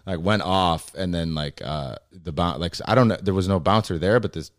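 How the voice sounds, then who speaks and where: A man's voice: sits low, dry recording, studio quality. A young man, a stand-up comic, telling stories in a casual podcast chat and acting out the lines of the people in them. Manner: fast, animated storytelling with acted-out quotes.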